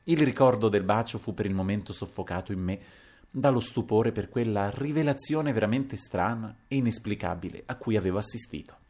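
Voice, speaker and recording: A man reading a literary audiobook aloud in an expressive, dramatic storytelling manner. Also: lowish voice, a little fast. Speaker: audiobook reader.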